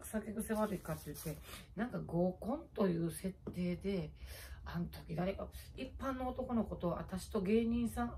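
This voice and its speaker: A middle-aged woman with a Kansai accent talks in a slightly low voice. She rambles through late-night stories and laughs at herself while fiddling with a face pack. A faint hiss sits under her voice. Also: warm tone. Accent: Kansai Japanese. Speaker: YouTuber. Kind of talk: casual late-night chat.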